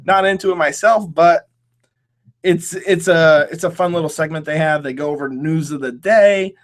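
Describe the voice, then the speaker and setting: A man's voice: fairly high pitch, moderate pace. A man hosting his own podcast, chatting casually on his own in a rambling, hesitant way with many restarts. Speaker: podcast host. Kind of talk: casual solo podcast chat.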